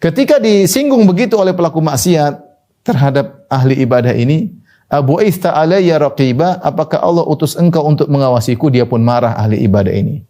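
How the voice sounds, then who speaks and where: A man preaching a sermon in a lively, scolding way, mixing in Arabic quotations. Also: a little high, a little fast.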